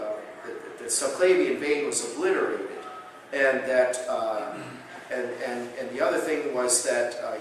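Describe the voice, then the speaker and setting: A man giving a conference lecture as a chiropractic speaker, telling patient stories and acting out both sides of the conversations. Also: mid-range voice. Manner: anecdotal, acts out dialogue in storytelling. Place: conference hall. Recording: echoey hall, distant mic, faint noise.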